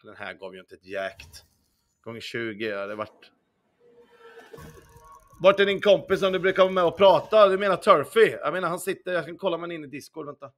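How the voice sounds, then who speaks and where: Animated and fairly high in pitch, a young man hosts a casual casino-game livestream. He reacts to viewer chat while playing, drops frequent swear words and hums with the faint background music.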